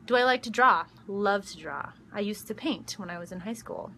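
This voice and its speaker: A woman's voice: mid-range voice, lively intonation, moderate pace, vocal fry, pushed and bright, slight background noise. A young woman casually answering fan questions during a live stream, chatty with frequent ums and giggles. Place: backstage dressing room. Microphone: phone livestream.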